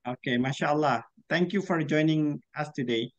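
A man's voice: a little high, moderate pace. Male English teacher on a video call, encouraging, muffled call audio. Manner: friendly, encouraging, short prompts. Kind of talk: online class moderation. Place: indoor room with virtual background.

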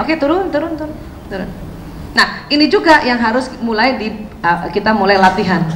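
A woman in her fifties giving a lively religious parenting talk to mothers, acting out quoted speech and laughing often. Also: fairly high pitch, reverberant, slight background noise, low-quality recording. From Indonesia.

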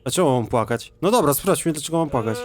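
A young man giving let's play commentary, excitable and laughing, often swearing and reading game text aloud. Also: on the high side, quick pace. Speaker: gaming YouTuber.

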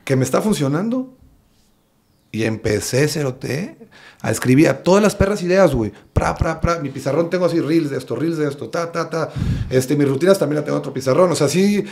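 Fast-talking Mexican man, swearing freely. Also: a little high, gravelly. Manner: animated, profane, acts out quotes. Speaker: guest comedian. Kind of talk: casual chat.

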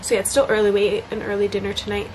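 Talking to a camera at arm's length in her small bedroom, this young female vlogger and college student sounds congested yet bubbly and chatty, with plenty of fillers. The recording is rough with noticeable background noise, and her medium-pitched, slightly mellow voice comes out rapid-fire and completely flat.

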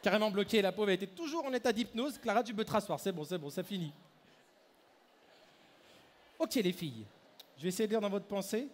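High-voiced man mentalist on stage. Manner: brisk, directs audience and volunteers on stage. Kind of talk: live stage mind-reading show. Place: large hall at a fair. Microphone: handheld microphone. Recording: echoey hall, faint crowd ambience.

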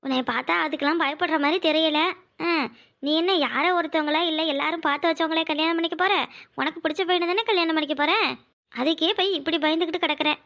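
A woman voicing a caring but bossy elder sister-in-law who scolds and fusses in a brisk way. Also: sits high, fairly even intonation, fairly bright tone. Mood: coaxing. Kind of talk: cartoon voice acting.

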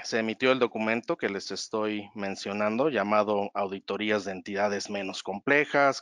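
Smooth low-voiced presenter man. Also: a bit bright, no echo, studio quality. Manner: measured, explanatory, calls for the next slide. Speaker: webinar presenter. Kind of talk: presenting slides in a webinar.

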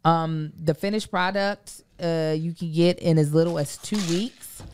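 A woman's voice: low-pitched, steady tone, a little slow, a little mellow, a little hiss or hum. A woman in her thirties, a podcast co-host giving a conversational ad read into a close studio microphone. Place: small indoor studio. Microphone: close desk podcast microphone.

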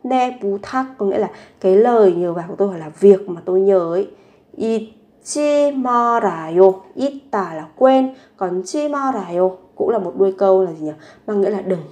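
A woman's voice: medium pitch, expressive, moderate pace, mellow. Woman teacher repeating phrases patiently. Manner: repeats each phrase three times, then explains; asks rhetorical questions while explaining. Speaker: Korean language teacher. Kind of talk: language lesson narration.

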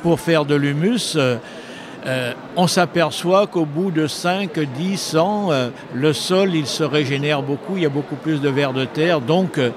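At a book fair stand in a noisy, crowded hall full of chatter, an older man, a retired agricultural journalist and author, answers interview questions into a handheld mic held by the interviewer. He explains in a measured way with frequent hesitations, his voice fairly high in pitch.

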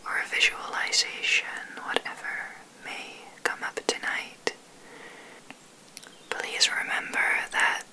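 Poorly recorded, this ASMR sleep meditation is guided by a woman acting as meditation guide and ASMR host. She whispers breathily in a calm, tender way, moving unhurriedly and leaving long silences.

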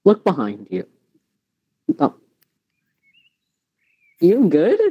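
A woman's voice: fairly low pitch, huge pitch swings, very slow, breathy edge, lo-fi sound. A woman hosting a VR gaming video, bossing her friends around and teasing them in casual chat. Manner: bossy, teasing, directing others. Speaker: gaming channel host.

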